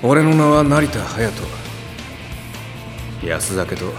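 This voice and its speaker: A man's voice: medium pitch, big pitch swings, slow. An actor playing a grumpy young would-be hardboiled loner in a comedic audio drama, with a sarcastic straight-man manner. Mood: brooding, hardboiled. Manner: sarcastic, exasperated straight-man retorts, mock-noir monologue. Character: grumpy young part-timer posing as hardboiled loner hero. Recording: music bed behind the voice.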